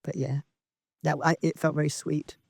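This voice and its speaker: A woman from Zambia giving a slow, halting, reflective dharma talk as a meditation teacher on a retreat. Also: sits low, flat delivery, gravelly, darkish tone, husky, no echo. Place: outdoor retreat in wilderness.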